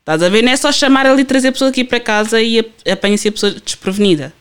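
A podcast guest, telling stories in an animated way with many fillers. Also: medium pitch, very fast, smooth. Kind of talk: casual podcast chat.

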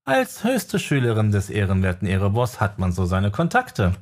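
A man voicing a sharp-tongued young woman necromancer in an audiobook, brisk and teasing. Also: lowish voice, huge pitch swings. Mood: smug. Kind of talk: audiobook character voice.

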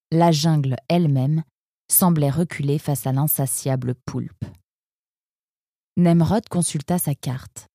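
A woman narrating a children's story in a calm, measured way. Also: low-pitched, dry recording, clean studio sound.

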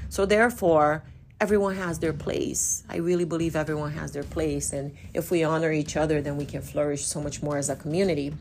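A woman from Brazil in her forties, a native Portuguese speaker, chats through a solo podcast with a low voice. She talks in a lively, chatty way and restarts her phrases as she goes. A faint hiss sits under the recording. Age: 40s. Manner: chatty, animated, self-correcting. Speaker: podcast host.

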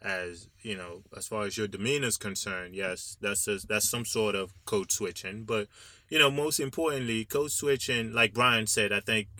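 A man's voice: on the low side, moderate pace, pushed and bright, no room sound. A man co-hosting a casual panel discussion, talking discursively and often checking in with rhetorical questions. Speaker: podcast co-host.

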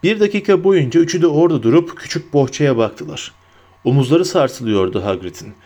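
A man narrating an audiobook in an expressive storytelling manner, slowing down for emphasis. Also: fairly high pitch.

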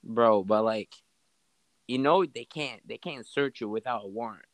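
A man's voice: medium pitch, a little slow, dry recording, rough recording. A man in casual chat with a friend, laid-back and slangy, laughing often.

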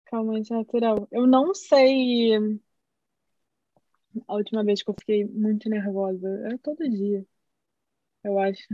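A woman, co-hosting a podcast and telling stories in an animated, rambling way. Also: mid-range voice, a little slow, long pauses, dry recording, highs cut off. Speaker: podcast co-host. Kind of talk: casual chat.

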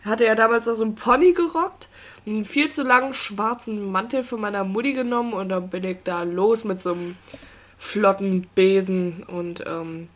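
A woman's voice: medium pitch, moderate pace. A young adult woman co-hosting a casual chat podcast, telling long detailed stories with lots of digressions and frequent laughter. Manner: rambling, detailed storyteller, laughs often. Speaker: podcast co-host.

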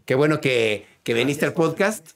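A man's voice: on the high side, animated, normal speed, gravelly, a bit bright. A man hosting a podcast, friendly and affirming, chiming in with short replies. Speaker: podcast host. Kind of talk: casual podcast chat.

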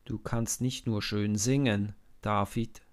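A man voicing a proud older king who speaks in measured, solemn tones in a storybook reading. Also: on the low side, steady tone. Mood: approving.

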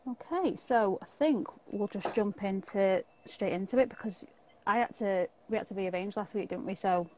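A woman's voice: mid-range voice, moderate pace, warm tone, low-quality recording. A British woman hosting a casual interview in a chatty, informal way over a video call. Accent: British English. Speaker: interview host. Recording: clearly audible background noise.

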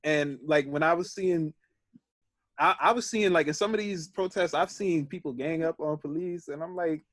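A man co-hosting a podcast in casual chat. He talks in a rambling, halting way. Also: a little high, fairly bright tone, no echo. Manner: rambling, halting, with light laughs. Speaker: podcast co-host.

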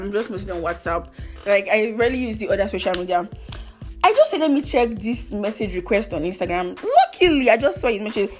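A young woman with a Nigerian accent casually telling anecdotes, expressively acting out what people said. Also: mid-range voice. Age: young adult. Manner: expressive, acts out quoted dialogue.

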